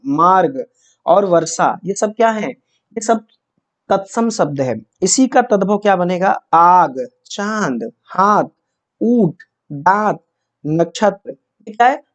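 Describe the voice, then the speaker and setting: A teacher giving an exam-prep grammar lesson, asking questions and answering them, checking in with short tags. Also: mid-range voice. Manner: repeats key points and checks with "है ना" and "yes or no".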